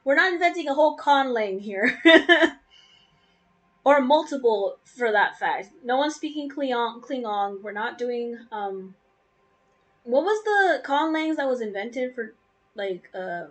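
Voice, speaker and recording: A woman's voice: fairly high pitch, lively intonation, measured pace. Chatty, rambling young woman gamer. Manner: rambling, chatty, laughs often, eats while talking. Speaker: gaming YouTuber. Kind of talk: casual let's play commentary.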